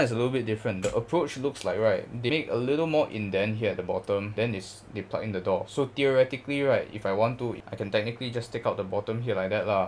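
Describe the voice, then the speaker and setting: Casting: male vlogger, Singaporean accent, lowish pitch, informal and rambling chat, noisy recording. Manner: rambling, informal, ends phrases with "lah". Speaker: video host, model bus collector. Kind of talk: casual chatty review vlog. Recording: clear background noise.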